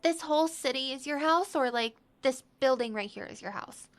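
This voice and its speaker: A woman playing a friendly, slightly awkward elf adventurer in a tabletop game, speaking politely and haltingly. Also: high voice, faint music behind. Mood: hesitant.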